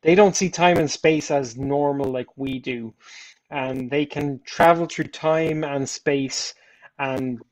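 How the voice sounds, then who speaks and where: A man's voice: medium pitch, steady tone, takes it slowly, poor audio. A man chatting casually on a voice call, rambling and playful, laughing often. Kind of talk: casual chat.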